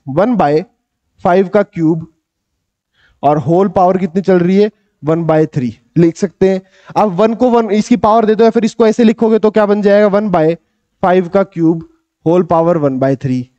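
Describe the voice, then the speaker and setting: A young man with a high-sitting voice teaches a maths lesson in an energetic, coaxing tutoring style. He repeats questions back to his students and calls himself their big brother, on a dull, slightly lo-fi, dry recording with no echo.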